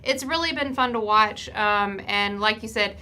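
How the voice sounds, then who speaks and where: Bright, chatty woman guest. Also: medium pitch, normal speed. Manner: chatty, enthusiastic, many fillers. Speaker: festival vote counter and guest. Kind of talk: casual live-stream chat.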